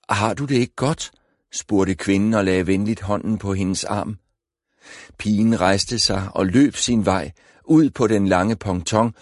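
A man narrating an audiobook in a measured, even storytelling manner on a close mic. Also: sits low, dry recording. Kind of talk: scripted narration.

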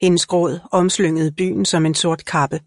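A woman reading a novel aloud in a slow, measured narration. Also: on the low side, fairly even intonation, darkish tone, no room sound, clean studio sound. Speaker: audiobook narrator. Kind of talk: scripted narration.

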